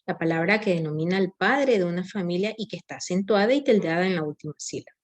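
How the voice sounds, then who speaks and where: A woman's voice: fairly low pitch, lively intonation, fast. A woman giving a recorded grammar lecture, explaining step by step with frequent tag questions and small self-corrections. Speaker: teacher.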